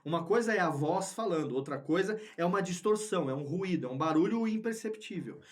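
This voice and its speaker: A man's voice: high voice, animated, a little fast. A man teaching a podcast recording lesson in a studio at a microphone, explaining patiently and repeating key words for emphasis. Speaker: podcast course instructor. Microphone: studio microphone with headphones.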